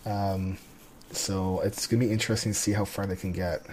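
A man in his thirties co-hosting a casual gaming podcast, relaxed and joking, stumbling over words now and then. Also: low-pitched, brisk, poor audio. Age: 30s. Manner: joking, relaxed, stammers a little. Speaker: podcast co-host.

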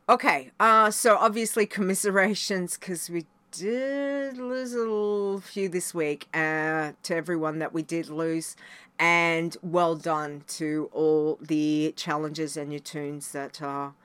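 A woman's voice: low-pitched, slow, a bit bright, clear, resonant tone, no echo. A woman hosting a show in casual chat, often repeating her phrases for emphasis. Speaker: show host.

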